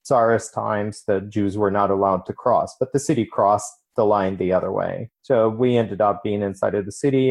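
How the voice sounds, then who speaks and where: A man from Ukraine who moved to the United States as a young adult, answering interview questions in a measured, explanatory way. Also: fairly low pitch, darkish tone. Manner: measured, explanatory, with occasional restarts. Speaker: interview guest.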